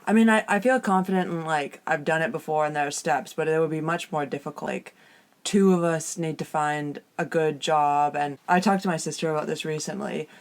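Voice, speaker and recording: A Canadian woman in her thirties with a slightly husky voice, chatting casually as a podcast co-host inside a small, soft-furnished caravan. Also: deep voice, brisk. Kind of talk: casual conversational podcast chat.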